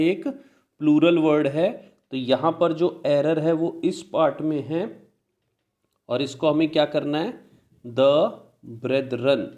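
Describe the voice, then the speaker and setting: This grammar lesson is led by a man whose voice is on the high side and a little mellow, with an Indian English accent. He explains things in Hindi, reads example sentences at a slow pace, and answers the questions he raises himself.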